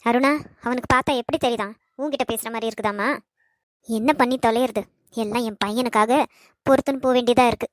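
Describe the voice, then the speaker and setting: Lady voicing nagging mother-in-law in a cartoon, kinda high, dry close sound, kanyakumari tamil accent. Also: fairly even intonation, fast, no room sound, natural voice. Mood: complaining. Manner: scolding, contemptuous. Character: scornful older mother-in-law, sharp-tongued. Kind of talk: animated family drama voice acting.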